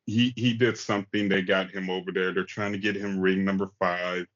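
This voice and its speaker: A man's voice: low voice, level tone, normal speed, highs cut off. A man ranting casually about basketball, heated and profane. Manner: heated, profane, rising to near-shouting. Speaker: podcast co-host. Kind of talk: casual sports rant.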